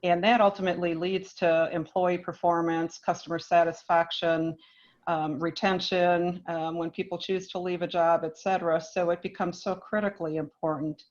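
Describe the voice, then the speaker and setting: A woman from Minnesota, a business leader speaking on a panel in a measured, thoughtful way with frequent restarts. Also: fairly low pitch, darkish tone, muffled recording. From Minnesota, United States. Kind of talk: panel discussion.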